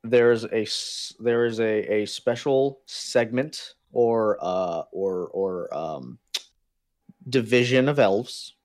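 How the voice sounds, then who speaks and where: A man's voice: lowish voice, takes it slowly, no echo, studio quality. A man co-hosting a casual comedic chat, rambling with restarts and joking around. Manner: rambling, restarts mid-sentence, jokey and animated. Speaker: podcast co-host.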